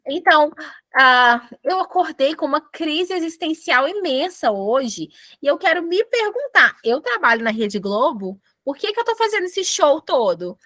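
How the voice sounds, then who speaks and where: A Brazilian Portuguese-accented woman teaching English grammar with playful, animated explanations. Her voice sits high, and the sound is dry and close with no room around it. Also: moderate pace, no echo. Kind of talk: classroom grammar lesson.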